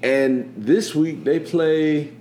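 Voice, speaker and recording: A man hosting a sports podcast in a loose, rambling chat with a warm, mellow voice. He is recorded in an echoey room with a faint hum of noise behind him. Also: a little high, extremely slow. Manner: rambling and chatty, often asks "you know what I'm saying". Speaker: podcast host.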